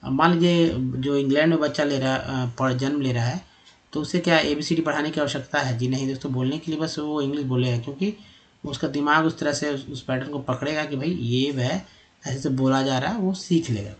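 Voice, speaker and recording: A man teaching English from India, explaining over slides in a patient way, repeating sounds slowly with many fillers. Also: mid-range voice.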